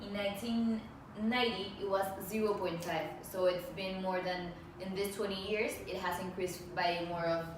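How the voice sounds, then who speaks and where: A woman's voice: medium pitch, steady tone, moderate pace. Young woman presenting in an echoey room. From Colombia and Mexico. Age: 20s. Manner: hesitant, many restarts and fillers. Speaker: student presenter. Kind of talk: class presentation. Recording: echoey room, far from the mic, faint noise.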